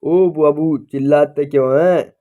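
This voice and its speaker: A man voicing a gruff male traveller who threatens in broken, ungrammatical Hindi. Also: mid-range voice, slow, phone-quality sound, natural voice. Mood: annoyed.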